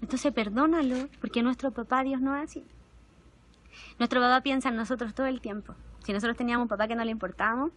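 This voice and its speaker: Here a young woman with a Chilean Spanish accent talks quickly in a slightly high voice. Her sermon is a personal, emotional testimony that alternates quiet passages with livelier ones.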